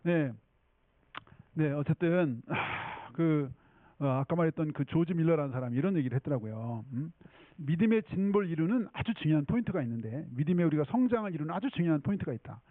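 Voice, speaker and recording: A man's voice: on the high side, animated, a little fast, no room sound. A male pastor preaching a sermon in a chatty storytelling way, often checking in with the congregation. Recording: tinny phone-like dry sound.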